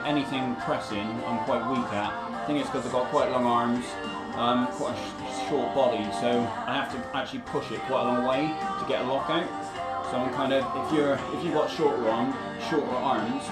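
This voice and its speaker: A man's voice: medium pitch, low-quality recording. Man casually explaining his gym workout. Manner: relaxed, hesitant with frequent ums. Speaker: fitness vlogger.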